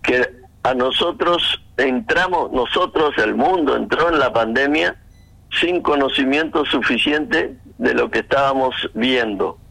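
A man with a bright, forceful voice, answering questions on a phone interview. He explains carefully and methodically, with frequent restarts. The sound comes through a phone line. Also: mid-range voice, creaky. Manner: measured, explanatory, hesitant restarts.

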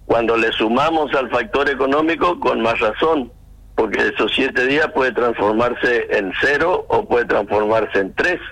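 A man with a bright, forceful voice, answering questions on a phone interview. He explains carefully and methodically, with frequent restarts. The sound comes through a phone line. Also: medium pitch. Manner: measured, explanatory, hesitant restarts.

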